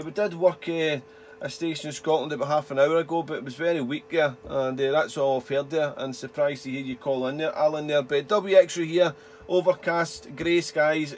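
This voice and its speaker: A man from Wales chatting casually as an amateur radio operator, repeating himself and using call signs and phonetic spelling. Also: fairly high pitch. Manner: chatty, repeats himself, tags sentences with "there". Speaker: amateur radio operator and hobby video maker. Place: indoors at a radio desk.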